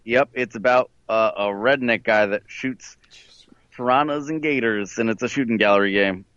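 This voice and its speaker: A man chats casually over an internet call line, loose and full of fillers. The sound is dull, dry and close, with the thin quality of a call connection that sometimes cuts out. His pitch sits in an ordinary middle range for a man. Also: moderate pace, a bit bright, clean tone, dry recording. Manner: loose, filler-heavy, says "like" a lot. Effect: heard over an internet call line that cuts out. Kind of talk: casual chat.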